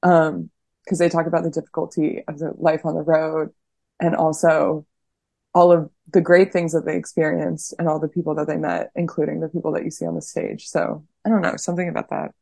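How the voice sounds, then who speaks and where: Woman, podcast guest, low voice, thoughtful hesitant chat, dry sound. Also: flat delivery, brisk, vocal fry, darkish tone, dry recording. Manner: thoughtful, hesitant, heavy use of "like". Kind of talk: casual chat.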